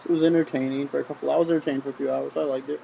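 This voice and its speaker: A man's voice: medium pitch, level tone, racing, gravelly, warm tone, highs cut off, a little hiss or hum. A man giving a casual, rambling review of a wrestling show, often repeating "I mean". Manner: rambling, with frequent "I mean" and restarts.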